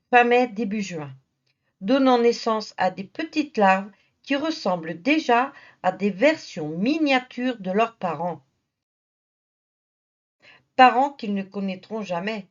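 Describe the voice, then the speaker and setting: A woman's voice: medium pitch, highs cut off. A woman narrating a nature documentary in a familiar, teasing storytelling manner. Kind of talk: nature documentary narration, playful asides to the viewer.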